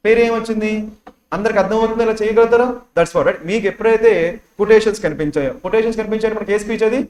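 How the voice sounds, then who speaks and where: Teacher, Telugu-accented man, rapid quizzing delivery, echoey classroom sound. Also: high voice. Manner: constant quizzing questions, repeats key words. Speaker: English teacher for bank exam prep. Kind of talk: classroom lecture explaining test questions.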